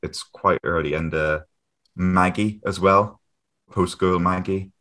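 A man's voice: low voice, fairly even intonation, takes it slowly, fairly bright tone. A man who is a guest on a podcast, chatting casually and laughing often. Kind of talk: casual chat.

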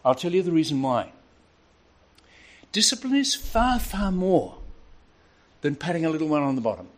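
An older man preaching a sermon, telling a family story with a lively, varied delivery. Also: on the high side, normal speed.

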